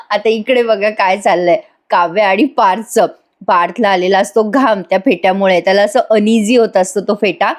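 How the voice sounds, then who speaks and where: A woman's voice: medium pitch, normal speed. A woman giving a chatty voice-over review of a TV serial episode, talking straight to her viewers. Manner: chatty, addresses viewers, laughs often.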